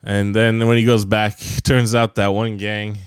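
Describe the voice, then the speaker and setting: A man's voice: fairly low pitch, flat delivery, measured pace, clear, resonant tone, no echo, studio quality. A young man co-hosting a podcast, chatting casually and profanely about movies in a rambling, laid-back way. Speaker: podcast co-host. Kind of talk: casual movie-review chat.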